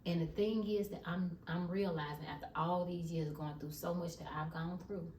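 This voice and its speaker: A vlogger shares her faith testimony with emphasis, addressing her audience as y'all. Her voice is on the low side, steady, a little mellow and at normal speed, with a slight hiss or hum, captured distantly in an echoey room.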